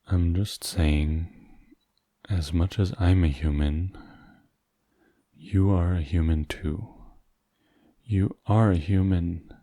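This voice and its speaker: A man playing a tender, hurt, devoted boyfriend in an ASMR role-play, speaking in a soft, intimate, halting murmur to comfort a partner. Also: low-pitched, steady tone, no echo, studio quality. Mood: reassuring. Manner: slow, halting, gentle, intimate.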